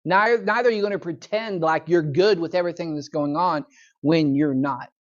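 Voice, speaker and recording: A man's voice: on the high side, brisk, lo-fi sound. A man, a pastor, teaching a casual Bible study, chatting, chuckling often and asking the room questions. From United States. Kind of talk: conversational Bible lesson. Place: church Bible study class.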